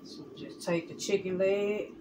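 A cooking vlogger chats casually to viewers while cooking in her home kitchen, relaxed and chatty, calling them y'all. Her mid-range voice moves at a measured pace, captured by a phone camera held close or set on the counter in a noisy home kitchen recording.

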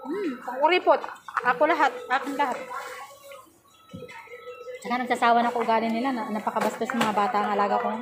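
A woman's voice: a little high, music in the background. A woman working as a domestic helper, chatting casually and animatedly as she retells a quarrel with her employer. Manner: animated, talks fast, quotes others. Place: busy fast-food restaurant, indoors. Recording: loud restaurant crowd chatter.

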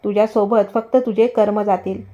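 A woman's voice: medium pitch, steady tone, moderate pace, mellow, lo-fi sound, natural voice. Harsh death messenger, played by a woman. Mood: stern. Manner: harsh, commanding.

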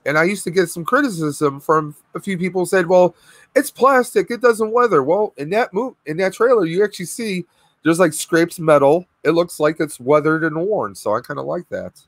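A hoarse man hosts a chatty live stream from a home room full of collectibles, speaking over a webcam video call. He is losing his voice and keeps clearing his throat. His voice sits on the high side with lively intonation at a moderate pace, rambling with fillers in a dry recording.

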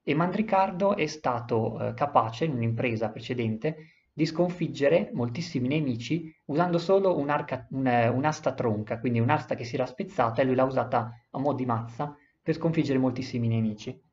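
A man's voice: medium pitch, normal speed, hardly any pauses, darkish tone, highs cut off. Hesitant man explaining an epic poem. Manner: frequent hesitations and self-corrections. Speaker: literature presenter. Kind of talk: explaining and reading epic poetry aloud.

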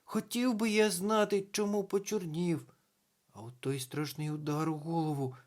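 A man's voice: a little high, steady tone, moderate pace, a little mellow, pitched above the performer's own voice, natural voice. A man voicing a small, merry male castle ghost who talks in a fretful, wondering way. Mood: dismayed.

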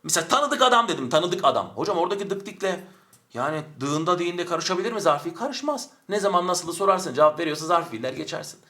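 Bright-voiced, animated male grammar teacher. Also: a little high, quick pace. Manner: animated, stretches words for emphasis, asks and answers his own questions. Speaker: Turkish language teacher. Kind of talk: online grammar lesson. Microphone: camera mic, speaks from a distance to avoid distortion.

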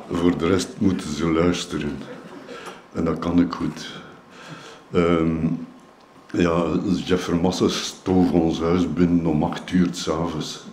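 Older Flemish man in his 70s, very deep and dark-toned, halting and shy, roomy hall sound. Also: slight background noise. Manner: hesitant, shy, many fillers. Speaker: award recipient. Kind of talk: acceptance speech. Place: event hall.

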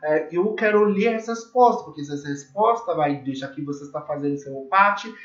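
A man's voice: fairly high pitch, expressive, normal speed, fairly bright tone. A man who is a native English speaker teaches an informal lesson, with a foreign English accent in his Portuguese, repeating himself and often checking understanding. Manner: repetitive, emphatic, often checking with "okay?". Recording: echoey room, dull muffled sound.

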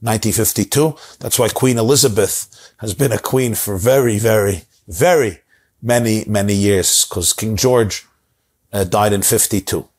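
A man's voice: fairly low pitch, normal speed, darkish tone, slightly rough. A middle-aged man telling a story in a dramatic, repetitive way, recorded with a lapel mic in a study lined with bookshelves. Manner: dramatic, repetitive, gesturing broadly. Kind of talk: animated storytelling.

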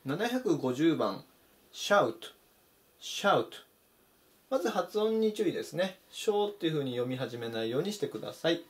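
Casting: male English teacher, slightly high voice with a lot of pitch movement, methodical lesson delivery. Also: very animated, brisk, hardly any pauses, darkish tone. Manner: methodical, stresses pronunciation points. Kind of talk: explanatory vocabulary lesson.

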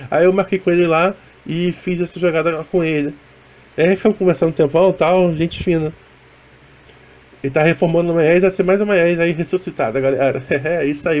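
A man's voice: a little high, fairly even intonation, fairly quick, a little mellow. A man from Brazil with a Rio de Janeiro accent, narrating his motorcycle vlog in a casual, rambling voice-over with many restarts and fillers. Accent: Rio de Janeiro Portuguese. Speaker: motovlogger. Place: voice-over, not recorded on the ride.

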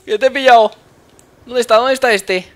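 Excitable high-voiced Spanish gamer. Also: male voice, a little fast. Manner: excitable, repeats words in bursts. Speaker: gaming YouTuber. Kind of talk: live gameplay commentary.

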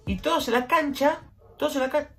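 Recording a casual vlog at home, a Rioplatense Argentine man in his twenties tells a personal story with plenty of slang and animation, his pitch leaping as he goes. He talks fairly quickly with vocal fry, over soft background music.

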